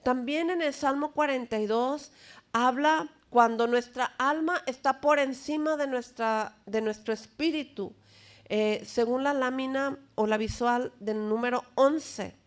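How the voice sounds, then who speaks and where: Slow-preaching woman pastor. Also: sits high. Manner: slow, emphatic teaching with questions to the congregation. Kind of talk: sermon. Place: church.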